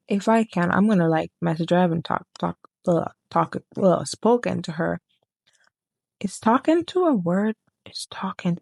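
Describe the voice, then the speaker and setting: A woman with a low, gravelly voice talks casually to camera about books. She rambles and drifts off topic, often stopping to correct herself. The sound is dry and close, with no room around it. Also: a little mellow, no room sound. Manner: rambling, sidetracked, self-correcting. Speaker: book reviewer.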